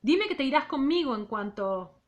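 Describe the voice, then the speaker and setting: A woman's voice: high-pitched, expressive, normal speed, dull audio, pitched above the performer's own voice. A woman reading the part of an insistent young man aloud from a novel. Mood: urgent.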